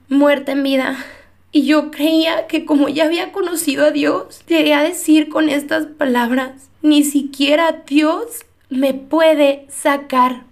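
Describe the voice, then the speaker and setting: A young woman giving an earnest, emotional personal faith testimony with pauses. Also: sits high, gravelly. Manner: earnest, emotional storytelling with pauses and soft laughs.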